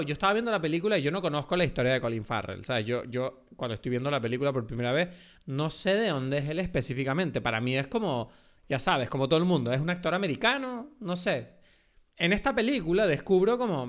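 Chatty Venezuelan man talking films. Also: fairly high pitch. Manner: animated, talks in long rambling turns. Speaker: podcast co-host. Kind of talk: casual film chat.

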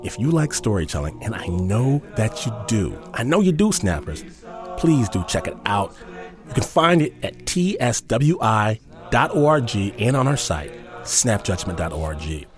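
A man's voice: on the low side, very animated, moderate pace. A man hosting a radio show, delivering an upbeat, enthusiastic outro. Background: music.

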